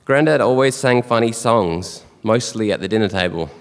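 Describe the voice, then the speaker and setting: An Australian man speaks a funeral eulogy, earnest and fond, with soft chuckles between memories. His voice sits fairly low. The sound carries a long reverb, as in a church or funeral hall. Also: lively intonation, normal speed. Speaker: son giving a eulogy.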